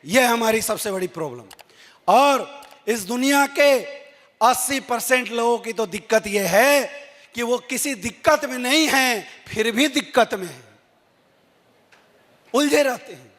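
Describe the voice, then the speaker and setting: On stage in a large event hall, a motivational speaker with an extremely high voice tells a story and acts out its dialogue with animation. He speaks at a measured pace with long pauses, and the hall's reverb lingers.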